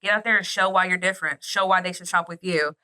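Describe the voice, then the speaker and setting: Bright, upbeat woman from Arkansas. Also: on the low side, fairly even intonation, quick pace. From Arkansas, USA. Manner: upbeat, chatty, laughs easily. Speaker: guest, bakery owner. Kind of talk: casual interview chat.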